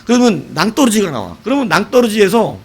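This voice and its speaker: Animated man preaching, lively pitch. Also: fast talker, breathy edge. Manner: animated storytelling, shouting exclamations, asks the congregation questions. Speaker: pastor. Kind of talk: evening sermon.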